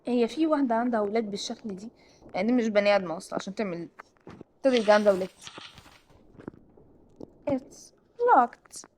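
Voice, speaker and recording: A woman with an Egyptian Arabic accent hosting a horror game let's-play, excitable and jumpy as she talks through her fright. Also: a little high, fast, pauses often, slight background noise. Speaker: gaming channel host.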